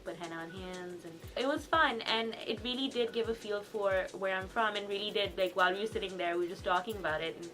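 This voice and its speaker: A woman's voice: medium pitch, a bit bright, soft background music. A young woman from Pakistan, a student talking chattily in a documentary interview. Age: young adult. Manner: fast, chatty, restarts mid-sentence.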